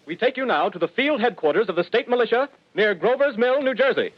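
A radio news announcer in the old newsreel manner, urgent and clipped. The voice is high and quick, formal in every phrase. It comes through a dull, dry 1930s broadcast recording. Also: male voice, lively intonation, no echo. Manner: clipped formal bulletin delivery.

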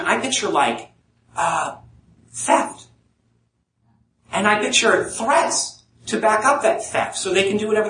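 A man playing a nervous, fearful catastrophizer who keeps raising worried questions, heard from a distance in an echoey room. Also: a bit bright. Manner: nervous, halting, pitching up with worry. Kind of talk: live speech role-play. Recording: echoey room, mic at a distance, faint noise.

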